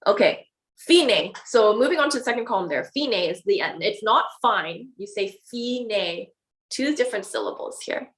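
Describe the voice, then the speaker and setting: A woman piano teacher walks her students through beginner music theory. She talks in a patient, explanatory way, often stopping to ask "right?" or "okay?". Her voice sits at an ordinary middle pitch. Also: very animated, a little fast. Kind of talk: online music theory lesson.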